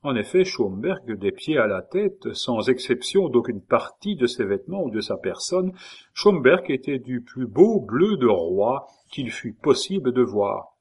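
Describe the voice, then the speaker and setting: A man reading a novel aloud in a measured storytelling manner. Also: mid-range voice, very animated, darkish tone, husky. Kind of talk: audiobook reading.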